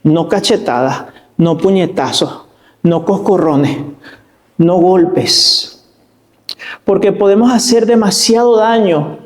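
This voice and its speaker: High-voiced preacher. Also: male voice. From Venezuela. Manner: storytelling preacher, slows for emphasis. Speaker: guest pastor. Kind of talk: sermon.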